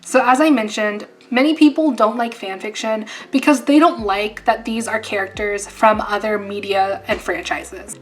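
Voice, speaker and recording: A young woman vlogger chatting casually with lots of fillers and lively asides, her voice a little hoarse. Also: a little high. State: losing her voice. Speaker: YouTuber. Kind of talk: casual chat.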